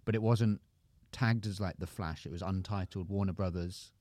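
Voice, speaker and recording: A man's voice: low voice, steady tone, moderate pace, a little mellow, no echo. A man co-hosting a podcast in a studio, chatting casually and telling long stories with many restarts. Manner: rambling storyteller with many restarts. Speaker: podcast co-host. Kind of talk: casual chat.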